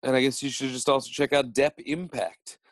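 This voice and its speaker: Male podcast co-host, mid pitch, dry sound, casual and earnest, trips over restarts. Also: steady tone, a little fast, no room sound. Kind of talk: casual chat.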